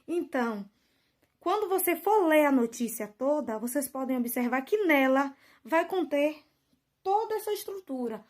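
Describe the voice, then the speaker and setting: A woman teacher, giving a lesson to children, drawing out example words slowly and often checking that they follow. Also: sits high, animated, a little mellow. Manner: slow drawn-out stress on example words, frequent "né?" and "tá bom?" checks.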